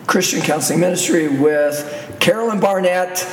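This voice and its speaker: Male radio co-host, gravelly and hoarse, slightly high-set voice, conversational religious talk, recorded roomy. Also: normal speed. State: hoarse, recovering from laryngitis. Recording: roomy, echoey, distant, faint noise.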